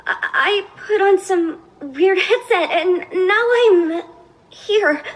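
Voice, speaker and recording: A young female cartoon newcomer, speaks in a very high, anxious voice. She stammers in confusion, drawing her words out slowly. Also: slight background noise. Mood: anxious, bewildered. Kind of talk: animated cartoon acting.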